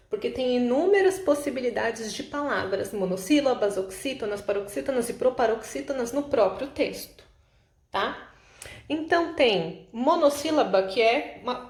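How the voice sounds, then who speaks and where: Patient Brazilian teacher in an echoey room. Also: female voice, a little high, darkish tone. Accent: Brazilian Portuguese. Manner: patient, explanatory, checks in with frequent "tá?". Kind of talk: correcting homework exercises.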